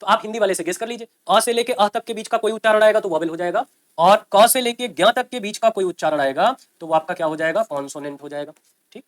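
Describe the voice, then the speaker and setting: High-voiced man teaching a grammar class. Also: fast talker. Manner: explains by repeating and checking with "ठीक है ना?".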